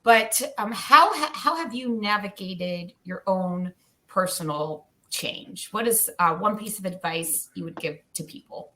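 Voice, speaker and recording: A woman hosts a casual panel, talking in a chatty, candid way with frequent laughter. Her voice is bright and crisp. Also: medium pitch, expressive, measured pace. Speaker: panel host.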